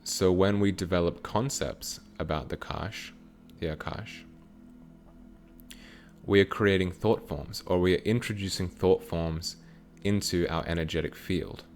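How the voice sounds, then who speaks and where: A man giving a channeled spiritual teaching with guided meditation, speaking slowly in short, measured phrases. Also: low-pitched, faint music behind.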